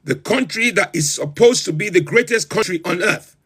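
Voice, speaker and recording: Playing a pompous self-proclaimed president of a joke republic, this livestream host rants in disbelief, stacking up long lists with mounting emphasis. He talks at normal speed in a full character voice that sits high, bright and slightly rough, with lively intonation.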